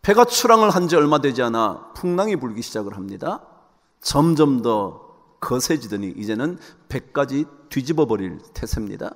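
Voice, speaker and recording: Animated man preaching in a reverberant hall. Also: mid-range voice, moderate pace. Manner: animated preaching, addresses the congregation often. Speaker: pastor. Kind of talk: sermon.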